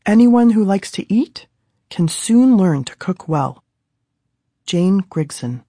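Reading slowly and expressively in a mellow, mid-range voice, an American author in her thirties records her own book as a scripted audiobook. She's from Southern California, and the studio recording is dry.

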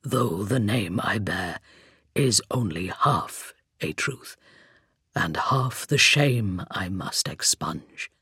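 A narrator voicing a solemn, devoted undead skeletal knight with a hollow, rasping voice and slow, grave, breathy whispers in an audiobook. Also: deep voice, expressive, sharp tone, dry recording, clean studio sound, pitched below the performer's own voice, full character voice. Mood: grave devotion. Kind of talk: audiobook character voice.

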